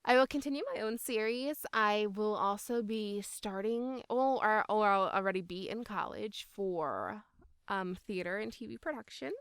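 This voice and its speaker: In a casual interview, a young woman who voice-acts answers as the guest, emphatic and enthusiastic, often laughing mid-sentence. She speaks at normal speed in a medium, slightly bright, clean tone, with clean studio sound and no echo.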